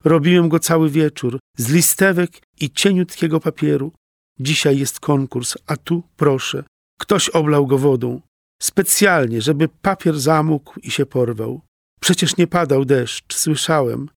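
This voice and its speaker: A man's voice: fairly high pitch, unhurried, creaky, no echo, clean studio sound. A man voicing an upset young boy at a summer camp, speaking in a whiny, tearful way.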